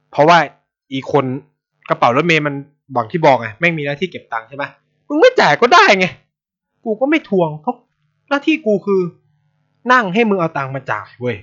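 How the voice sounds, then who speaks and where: Thai guy ranting casually on a podcast, swears a ton, dull lo-fi recording. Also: on the high side. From Thailand. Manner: blunt, swears a lot, animated. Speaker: podcast host. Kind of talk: casual storytelling chat. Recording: dull lo-fi sound.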